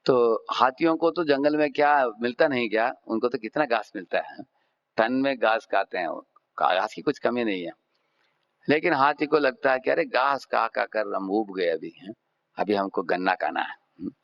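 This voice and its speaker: A man's voice: medium pitch, animated, moderate pace. A man giving a devotional lecture and telling a story, often checking in with the audience. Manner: checks in with the audience, asking "hmm?" and "right?". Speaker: devotional speaker. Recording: slightly dull lecture recording.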